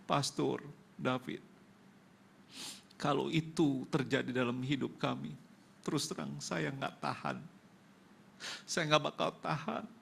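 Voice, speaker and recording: A man's voice: mid-range voice, slow, creaky, long pauses, a bit bright, slight background noise. A male pastor with an Indonesian accent giving an emotional testimony sermon in church, acting out the dialogue of the people in his story.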